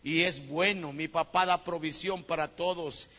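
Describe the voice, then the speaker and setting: High, bright Guatemalan preacher. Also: male voice, unhurried. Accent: Guatemalan Spanish. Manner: animated storytelling preacher, bursts into loud exhortation. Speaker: pastor. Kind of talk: sermon. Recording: long reverb of a church hall.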